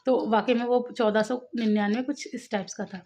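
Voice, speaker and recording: A woman's voice: on the high side, fairly even intonation, brisk, mellow. A woman in her thirties chatting at home to her viewers in a casual vlog, laughing often and coaxing her children. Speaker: vlogger, mother.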